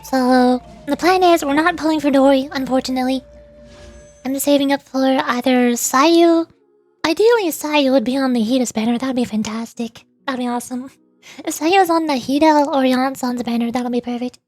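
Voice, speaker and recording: A woman VTuber streamer rambles casually about a video game, playfully exasperated and often halting and repeating words. Her voice is high with a darkish tone and no echo, and background music plays.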